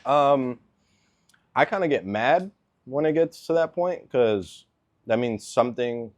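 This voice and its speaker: A man in his twenties, born in Venezuela and raised in Miami, answering interview questions as an NFL kicker in a relaxed way, with lots of filler words. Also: mid-range voice, slow. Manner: laid-back, lots of ums and likes.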